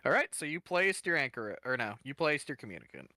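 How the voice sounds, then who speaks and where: Rules-referee guy for a tabletop stream, bright voice, casual, dry close mic. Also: mid-range voice, big pitch swings, brisk, no echo. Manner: explains rules with loose restarts and dark jokes. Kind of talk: casual game-table chat.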